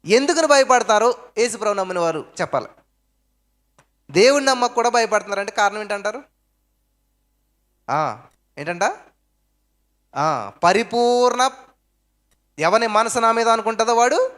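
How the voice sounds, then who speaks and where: Man preaching w a high voice, keeps asking questions then answering them, punchy, loud then quiet. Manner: asks rhetorical questions and answers them himself; emphatic, swings between loud stresses and low asides. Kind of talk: sermon.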